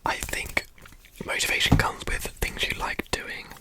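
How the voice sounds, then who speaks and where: Answering questions in a quick, breathy ASMR whisper, a young adult rambles casually and tends to repeat words.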